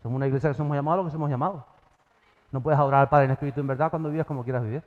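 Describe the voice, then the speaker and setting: A man preaching a sermon as pastor, acting out biblical dialogue with sudden jumps in pitch. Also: rapid-fire. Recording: dull sound, long church reverb.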